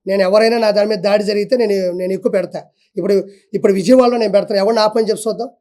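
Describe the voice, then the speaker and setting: Man, very high-pitched, rapid talker, fiery, defiant, repetitive emphasis, interview guest ranting. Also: fairly even intonation, mellow. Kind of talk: heated political rant.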